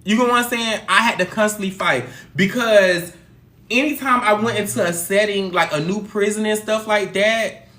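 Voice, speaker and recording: A woman hosting a casual livestream chat, telling stories in an expressive, animated way. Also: mid-range voice, moderate pace, roomy sound. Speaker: livestream host.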